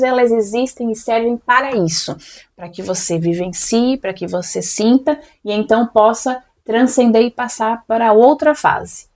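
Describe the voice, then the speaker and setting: Woman co-host with a slightly high pitch, calm and reflective. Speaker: podcast co-host. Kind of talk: casual conversation.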